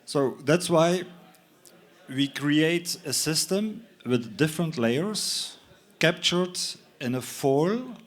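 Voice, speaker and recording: Speaking in a fairly high, animated voice, this conference presenter from Belgium talks slowly and haltingly, full of fillers and restarts. English is not his first language, and he's delivering his talk in a stadium's conference lounge.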